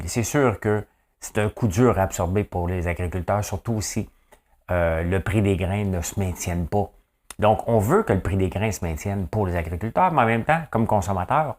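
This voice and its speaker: A man's voice: sits low, darkish tone. A middle-aged man with a Quebec French accent, hosting a casual daily news podcast and talking like a farmer speaking his mind, tossing rhetorical questions at the listener. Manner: chatty, rhetorical, keeps asking "hein?".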